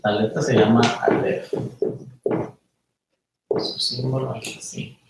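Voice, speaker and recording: A man teaching a small class in a relaxed, conversational way, often checking that his students follow. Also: mid-range voice, takes it slowly, vocal fry, noisy background. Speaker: meditation teacher. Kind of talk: casual class lecture. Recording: very echoey room, mic far off.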